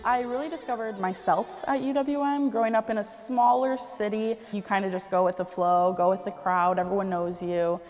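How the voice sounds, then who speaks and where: A woman's voice: mid-range voice, steady tone, moderate pace, hardly any pauses, a little mellow, long reverb tail. A woman, a music graduate, speaking thoughtfully and sincerely about finding herself. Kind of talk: interview testimonial.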